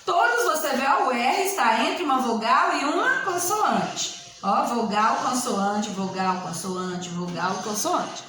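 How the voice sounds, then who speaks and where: Woman teacher, slightly high voice, slow and patient at the board; very roomy echo. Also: lively intonation, background noise. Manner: slow, patient, repeats each word. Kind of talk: spelling lesson at a board.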